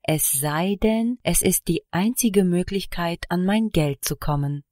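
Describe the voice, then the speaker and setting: A woman's voice: lowish voice, a little slow, a little mellow, no echo, clean studio sound, natural voice. A woman reading a fed-up young woman, Kira. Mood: indignant. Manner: indignant, exasperated.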